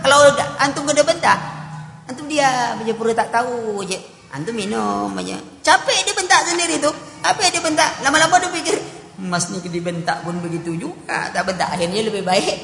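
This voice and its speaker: A man's voice: very high-pitched, bright, forceful tone, slight background noise. Joking male preacher in an echoey hall. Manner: humorous, acts out little scenes. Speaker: Islamic preacher answering questions. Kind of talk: sermon Q&A.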